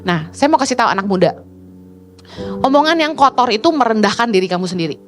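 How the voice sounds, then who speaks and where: A middle-aged woman pastor delivers an animated sermon, slipping into high voices to act out the people she quotes. Her voice sits a little high. Instrumental music plays clearly behind her. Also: fast.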